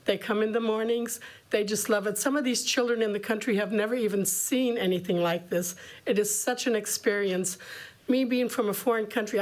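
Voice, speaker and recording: A woman from Germany gives public comment at a county hearing, her behind her English. She talks in a chatty, folksy way, at a middling pitch for a woman.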